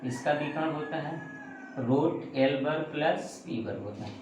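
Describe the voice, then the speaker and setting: Man teaching math, a bit high-pitched, banters with himself between steps; heavy room echo. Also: measured pace, a little mellow, a little hiss or hum. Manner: asks and answers his own questions; chatty, joking asides. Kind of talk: classroom math lesson. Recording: very echoey room.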